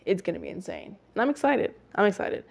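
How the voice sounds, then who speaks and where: A woman's voice: medium pitch, wildly swooping pitch, fast talker, gravelly. Chatty young woman podcaster. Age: young adult. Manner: chatty, rambling, lots of fillers and self-corrections. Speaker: podcast host. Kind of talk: casual solo podcast chat.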